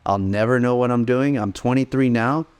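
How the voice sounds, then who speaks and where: A man's voice: mid-range voice, normal speed, darkish tone, clear, resonant tone. A man in his late twenties telling his story in a laid-back, rambling way as a podcast co-host. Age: 20s. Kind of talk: casual podcast chat.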